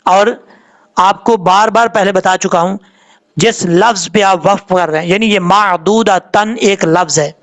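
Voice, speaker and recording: A man teaching a tajweed lesson in Urdu with a Pakistani accent, spelling words out sound by sound and chanting the verses in long drawn-out notes. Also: high voice, a bit bright. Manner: slow letter-by-letter drilling, drawn-out chanted recitation.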